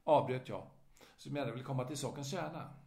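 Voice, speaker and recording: A man narrating a story in a dramatic, lively way. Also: medium pitch, gravelly. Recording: roomy echo.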